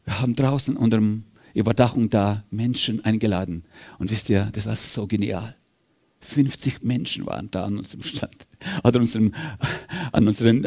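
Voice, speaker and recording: A man preaching a sermon as pastor of a church, fervent, swinging from loud rises to hushed drops. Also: medium pitch. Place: church service.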